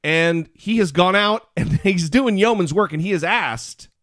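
A man's voice: high voice, a little slow, a bit bright, no echo, clean studio sound. A man hosting a podcast with casual comedic talk and brash, teasing delivery. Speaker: podcast host.

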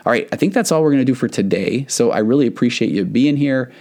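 A man's voice: mid-range voice, expressive, quick pace, darkish tone. A middle-aged man hosting his podcast as a therapist, talking earnestly in a rambling way with many restarts. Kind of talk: solo podcast monologue.

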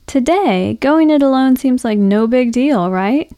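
A woman podcast host with a fairly high but mellow voice, recorded dry and close. She reads scripted narration at a measured, reflective pace. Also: lively intonation, no room sound.

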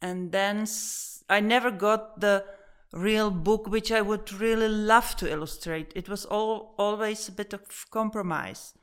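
Woman, native Czech speaker, unhurried and clear-voiced, halting non-native English with restarts, interviewed in her studio. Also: mid-range voice, fairly even intonation. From Czech Republic. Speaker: painter. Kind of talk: casual interview.

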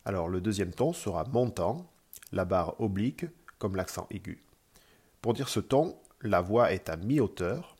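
Low-voiced man explaining language lessons. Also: a little mellow. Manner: patient explaining, frequent hesitation fillers. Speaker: podcast host teaching Mandarin tones.

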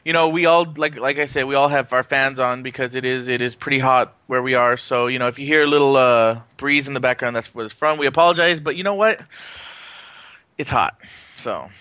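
A man hosting a podcast in a casual, halting, rambling way from his apartment. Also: medium pitch, bright, forceful tone, clear, resonant tone, no echo. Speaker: podcast host. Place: apartment, remote recording.

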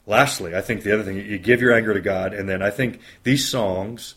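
A man's voice: on the low side, a little fast, a bit bright, husky. A man in his fifties who is a pastor, speaking earnestly and reflectively in an interview conversation and building lists for emphasis.

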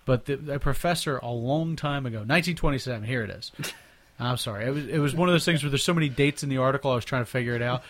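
A man hosting a casual podcast, rambling and laughing often, often stumbling and repeating words as he talks. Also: mid-range voice. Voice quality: natural mimic who slips into others' accents. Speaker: podcast host. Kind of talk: casual chat.

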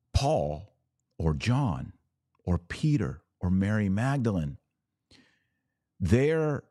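With a low, mellow voice captured in studio quality without echo, an American man hosts a podcast where he responds to viewer comments. He talks about religion in an informal, emphatic way, posing rhetorical questions and supplying his own answers.

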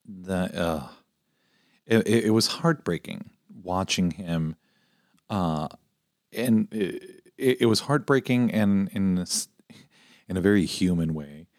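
A man's voice: deep voice, takes it slowly, darkish tone, dry recording, studio quality. A man hosting a casual podcast discussion, earnest and hesitant, often restarting his sentences. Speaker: podcast host.

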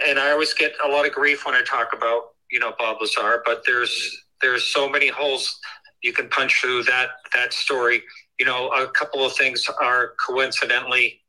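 A man calling in as co-host, heard through a phone on speakerphone, talking casually in a halting way with many fillers and restarts. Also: medium pitch, pushed and bright, rough recording. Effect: heard over a phone on speakerphone. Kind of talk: casual live chat.

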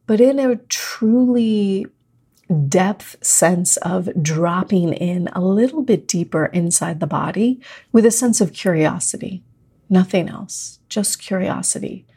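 A woman leading a guided meditation like a sleep story narrator, speaking gently and slowly with long pauses. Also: mid-range voice, breathy edge. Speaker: meditation teacher leading a group practice. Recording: new-age music under the voice. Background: soft new-age music.

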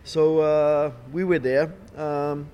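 A middle-aged man, not a native English speaker, answering interview questions haltingly, searching for words and repeating phrases. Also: fairly high pitch, flat delivery, dark tone, highs cut off. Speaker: racing team boss, former driver. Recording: clear background noise, ambient sound.

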